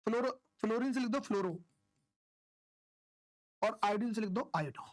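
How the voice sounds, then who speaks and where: Lady teacher explaining chemistry, kinda high voice, keeps asking the class stuff and answering it herself. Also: normal speed. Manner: chatty, asks and answers own questions, homely analogies. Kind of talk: online chemistry lesson.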